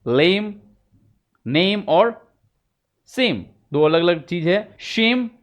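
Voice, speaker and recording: Switching between Hindi and English, an Indian-accented man teaches English pronunciation in a high voice with lively intonation. He talks very slowly, lingering on each example word and drawing it out.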